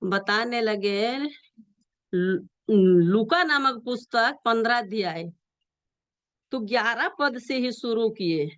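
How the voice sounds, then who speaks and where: An older woman with a non-native Hindi accent gives a personal church testimony in an earnest, halting manner, repeating herself often as she tells her story. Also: fairly high pitch, fairly bright tone, no echo, dull audio. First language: not Hindi. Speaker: church member giving testimony.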